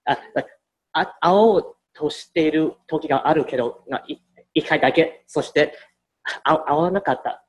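A speaker in a casual film discussion, talking haltingly with many restarts. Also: mid-range voice, husky, low-quality recording. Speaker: discussion participant.

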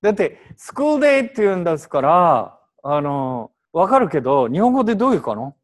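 A man's voice: on the high side, very animated, a little fast. A man teaching an English translation class in Japanese, prodding students with questions and switching into English.

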